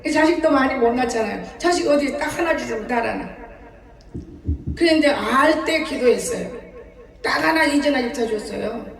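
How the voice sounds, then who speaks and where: A woman's voice: sits high, expressive, normal speed, gravelly, crowd noise. A woman in her seventies, a pastor preaching a sermon in a folksy storytelling way, often laughing as she talks. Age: 70s. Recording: echoey church hall, distant mic.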